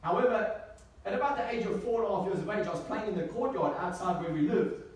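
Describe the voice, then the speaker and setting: With a high voice and quick pace, this South African man gives a motivational talk to a live seminar crowd, emphatic and full of repeated key phrases and rhetorical questions. The indoor venue echoes, and the distant mic catches faint noise.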